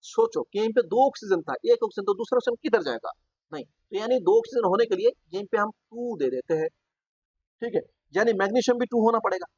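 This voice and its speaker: A man's voice: sits high, expressive, fast talker, darkish tone, breathy edge, no echo. A man teaching school science in speech, explaining step by step and often checking in with his students. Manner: explains step by step, repeats terms, frequent tag questions. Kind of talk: classroom lecture at a board. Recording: dull, dry lo-fi recording.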